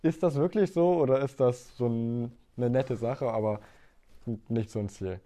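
A man's voice: medium pitch, moderate pace, mellow. A man hosting a podcast interview, asking questions with frequent restarts.

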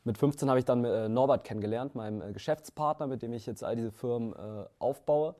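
A man's voice: mid-range voice, brisk, dark tone. A man in his twenties, founder of a company, answering interview questions casually with many fillers and restarts. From Germany. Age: 20s. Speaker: founder and CEO, interview guest.

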